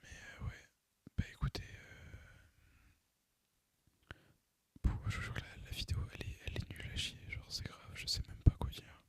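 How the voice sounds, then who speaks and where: A young French ASMR gamer whispers hard and unvoiced at normal speed, leaving long pauses. His rambling gameplay talk is easygoing, slangy and hesitant. The recording has no echo.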